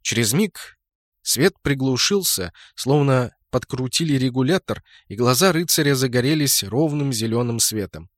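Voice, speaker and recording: A man narrating a first-person audiobook in a steady, even reading. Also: medium pitch, normal speed, no echo, studio quality.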